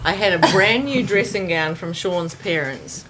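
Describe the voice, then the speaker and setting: A woman's voice: on the low side, animated, a little slow, fairly bright tone, a little hiss or hum, poor audio. A middle-aged woman, a mother guest on a chat show, dry and teasing. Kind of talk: casual chat.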